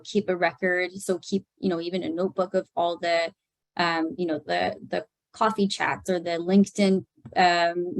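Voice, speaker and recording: Low-voiced Canadian woman lawyer, dry sound. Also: no echo, low-quality recording. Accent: Canadian English. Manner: careful, many "you know" and "um" fillers. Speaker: employment lawyer. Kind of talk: explaining legal points in an info session.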